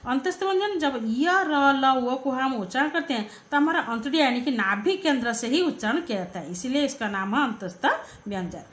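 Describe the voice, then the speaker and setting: A woman teaching a school grammar class with an Indian accent, slowly sounding out letters and words and repeating them for pupils. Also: sits high, expressive, fairly bright tone. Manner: slow, drawn-out syllable-by-syllable demonstration.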